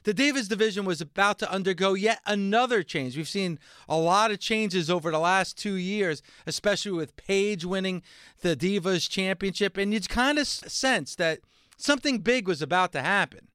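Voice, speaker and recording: Male radio host for scripted sports narration, high smooth voice, dry studio sound. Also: moderate pace, a bit bright, dry recording.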